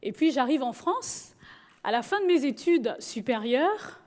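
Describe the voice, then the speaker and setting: A woman's voice: sits high, sing-song, measured pace, a little mellow. A woman from Gabon telling her personal story with humor. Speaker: speaker.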